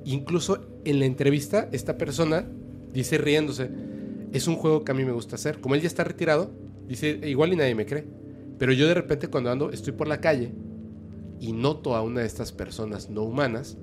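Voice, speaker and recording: A man's voice: medium pitch, fairly quick. Man telling an eerie story. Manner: animated, checks in with the listener. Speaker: guest storyteller. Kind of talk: conversational storytelling. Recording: music playing under the voice.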